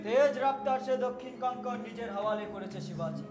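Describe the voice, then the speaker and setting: A man's voice: very high voice, a little fast. A man acting a deferential but bold soldier addressing his lord in a historical stage play, formal and theatrical. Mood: urgent. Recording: echoey stage, loud music over voice.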